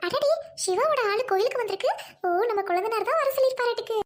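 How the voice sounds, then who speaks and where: A woman's voice: extremely high pitch, animated, fast talker. Woman doing teasing chatty sister-in-law. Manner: playful, teasing, talkative.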